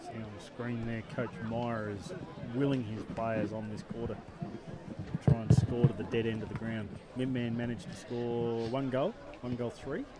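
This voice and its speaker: A man's voice: medium pitch, little pitch movement, measured pace. A man with an Australian accent giving easygoing colour commentary on a local football match from a box above the ground. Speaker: sports commentator. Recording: loud crowd noise behind the voice.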